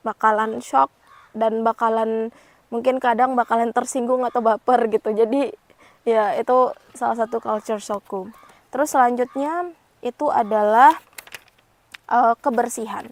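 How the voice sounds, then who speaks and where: Young woman vlogger from Indonesia, casual chatty delivery with fillers, slightly high voice, dry close sound. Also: steady tone, unhurried, long pauses, no echo. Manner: chatty, frequent fillers and "gitu ya". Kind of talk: casual chat to camera. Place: home.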